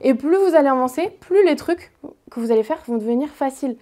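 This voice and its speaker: A young woman gives a talk to a student audience at a business school, speaking in a casual, direct way with plenty of fillers. Her voice sits a little high and sounds mellow rather than bright. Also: animated, fast. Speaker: motivational speaker. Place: lecture hall at a business school.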